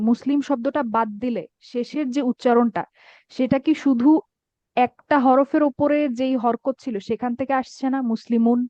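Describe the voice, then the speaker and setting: Her high-pitched voice carries a dark tone as she patiently guides students through Arabic grammar online, frequently making sure they understand. The audio is dry, dull, and lo-fi with no room sound.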